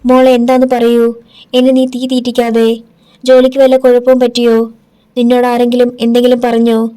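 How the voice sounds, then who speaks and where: A woman's voice: on the high side, completely flat delivery, normal speed, warm tone, clean tone, natural voice. A woman voicing a worried middle-aged mother who pleads with her daughter. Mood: pleading.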